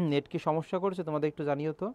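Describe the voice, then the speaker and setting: A middle-aged man with a Bangladeshi Bengali accent, working as a senior teacher, runs an online admission-prep class where he explains step by step, quizzes students frequently and clears his throat again and again. His somewhat high voice is a little mellow, with fairly even intonation and a very fast pace.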